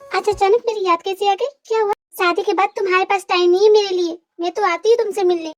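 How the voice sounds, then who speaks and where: A woman's voice: very high-pitched, steady tone, soft background music, voice pushed up. A woman voicing a chatty young wife. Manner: chatty, hurried. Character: chatty newly married young woman friend. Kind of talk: fan audio drama voice acting.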